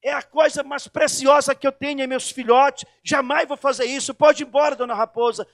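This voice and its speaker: A preacher doing a small mother songbird in a church fable, protective of her chicks and easily frightened. The voice is very high and sits dry and near. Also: moderate pace, no room sound. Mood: indignant. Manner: indignant, fearful.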